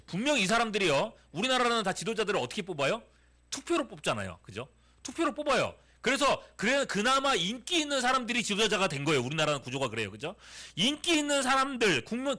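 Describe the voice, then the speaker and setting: A middle-aged man, a youth pastor, preaching a sermon to teenagers and asking them question after question. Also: high voice. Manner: animated, asks the audience many questions.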